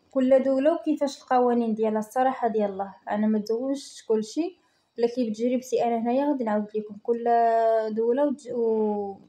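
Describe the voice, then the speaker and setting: A woman's voice: on the high side, dark tone. A young woman with a Moroccan Arabic accent, giving earnest personal advice in a vlog and repeating phrases for emphasis. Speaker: vlogger.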